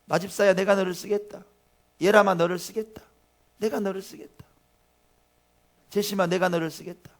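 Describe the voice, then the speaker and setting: A man's voice: lowish voice, a little fast, creaky, darkish tone. A man, a pastor, voicing God as a kindly but firm caller who names each church member in turn during a sermon. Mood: rising, fervent. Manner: solemn repeated calling by name.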